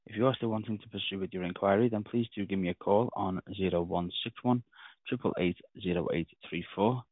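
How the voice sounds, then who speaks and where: A very deep-voiced man rattles off a businesslike voicemail at a fast clip, dotting his lines with "uh" fillers. He is heard over a tinny landline phone, the sound thin and narrowband. The line is dry, with no room around him. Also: no room sound. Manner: brisk, businesslike, with frequent "uh" fillers. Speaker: law firm caller leaving a voicemail. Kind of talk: phone message. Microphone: telephone handset.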